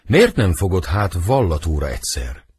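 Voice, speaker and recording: A man reading the part of Benvolio, Romeo's loyal young friend, with an earnest, husky delivery for an audiobook. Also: deep voice, sing-song, darkish tone, no room sound, studio quality, exaggerated voice. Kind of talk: audiobook verse drama reading.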